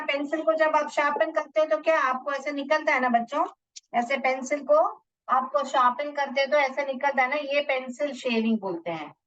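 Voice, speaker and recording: A woman teacher giving a lesson to children, repeating words slowly so they can write them down. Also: high-pitched, lo-fi sound.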